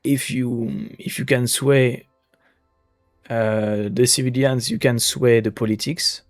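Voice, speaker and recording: A man's voice: mid-range voice, steady tone, slow pace, no room sound, clean studio sound, soft background music. A man giving casual commentary as he plays a video game. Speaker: game streamer.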